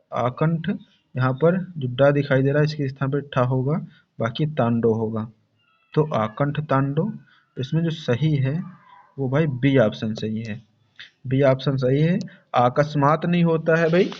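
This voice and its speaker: Hindi tutor drilling spellings, lo-fi. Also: male voice, medium pitch, a little mellow. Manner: repetitive, drills correct spellings, calls students "bhai" and "saathiyon". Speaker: Hindi teacher. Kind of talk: online exam-prep lesson. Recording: dull lo-fi sound.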